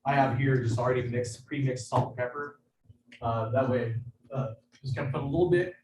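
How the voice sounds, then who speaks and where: A man, a chef, giving a casual cooking demonstration in a kitchen over a video call. He talks in a hesitant, halting way, with lots of fillers and restarts. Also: mid-range voice, darkish tone. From United States. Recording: echoey room, far from mic, background noise.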